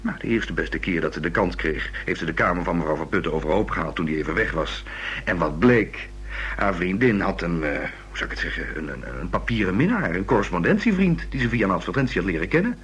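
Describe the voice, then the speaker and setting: In an old Dutch radio play, an actor voices a hesitant young man who witnessed a murder. His deep voice is expressive, a bit bright, and a little fast, sounding gossipy yet reluctant as he rambles and restarts words. The recording is noisy and old, with audible hum.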